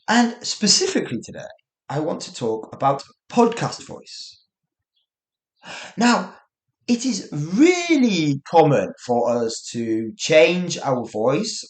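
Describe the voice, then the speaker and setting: A man hosting an English lesson podcast, playful and theatrical, humming little sound effects between points. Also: on the high side. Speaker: English teacher and podcast host.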